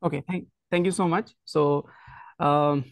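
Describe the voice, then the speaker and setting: Young man, student guest, earnest, hesitant, gravelly, dry close sound. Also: a little high, fairly even intonation, a little slow, no room sound. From Bangladesh. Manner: earnest, hesitant, apologetic about his English. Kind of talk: self-introduction in an online class.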